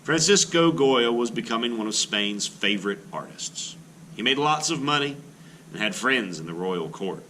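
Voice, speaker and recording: A bright, crisp-voiced art teacher reads a children's book to his class at a moderate pace, adding his own teacherly comments along the way. His pitch moves across a wide range, making the reading expressive. A faint hiss runs under the recording.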